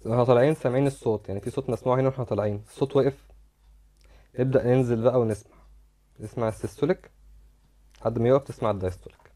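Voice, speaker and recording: Speaking in a mid-range, dark-toned voice, a man with an Egyptian Arabic accent gives a medical lecture over slides. He talks very fast but leaves long pauses, explaining step by step and repeating words as he demonstrates.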